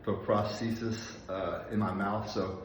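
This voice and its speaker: A man's voice: fairly low pitch, flat delivery, slight background noise. Breathless man in his forties in an echoey gym. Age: 40s. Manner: careful, deliberate enunciation with many fillers. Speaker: personal trainer. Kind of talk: casual workout vlog. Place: gym, indoors. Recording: echoey, distant, dull gym recording.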